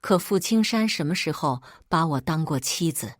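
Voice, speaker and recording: A woman reading a first-person family drama aloud in a steady, emotional storytelling manner. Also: low voice, moderate pace, no echo, studio quality.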